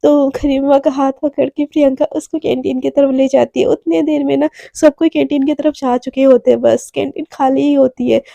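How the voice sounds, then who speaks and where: A woman's voice: sits high, steady tone, moderate pace, creaky, few pauses, mellow, dry recording. A woman telling a story in a casual, chatty way with many fillers.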